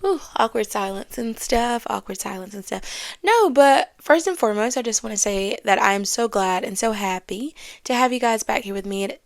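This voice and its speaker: A woman's voice: mid-range voice, vocal fry. A woman, hosting her own podcast in a casual, chatty, self-deprecating way. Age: 20s. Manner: chatty and self-deprecating, with frequent fillers and Southern slang. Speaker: podcast host. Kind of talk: casual solo podcast chat.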